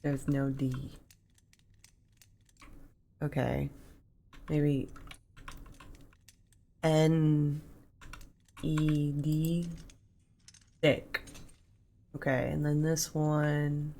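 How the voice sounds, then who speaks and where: Slow-talking woman game streamer. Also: low voice, flat delivery, warm tone. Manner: reads in-game notes aloud, swears casually at enemies. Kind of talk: live gameplay commentary.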